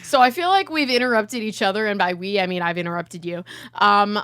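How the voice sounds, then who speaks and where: A woman's voice: mid-range voice, brisk, a bit bright, clean tone, dry recording, studio quality. A woman in her twenties hosting a casual chat, with a brash, jokey, sweary way of talking and a habit of cutting in. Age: 20s. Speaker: podcast host.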